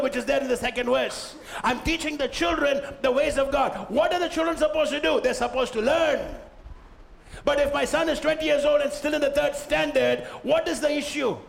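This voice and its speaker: A man preaching a sermon as pastor, forceful, firing rhetorical questions and having the congregation repeat lines after him. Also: very high-pitched, vocal fry, slight background noise.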